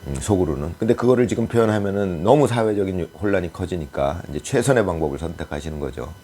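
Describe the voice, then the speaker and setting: A man giving a casual political commentary monologue, speculating aloud and pausing often with hesitant fillers. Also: low voice, expressive, dark tone, husky.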